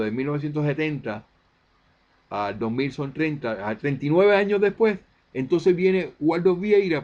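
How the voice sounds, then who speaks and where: In dull-sounding audio, a man with a slightly high, darkish voice delivers an impassioned monologue as a spiritist video presenter. He's emphatic, posing rhetorical questions and answering them himself.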